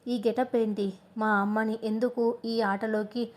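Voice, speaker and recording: A woman's voice: fairly high pitch, flat delivery, measured pace, natural voice. A woman voicing a harsh, sarcastic young police officer.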